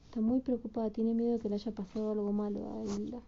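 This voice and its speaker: A woman's voice: on the high side, level tone, quick pace, creaky. A woman casually retelling a storybook and doing voices for the characters, on a dull lo-fi recording.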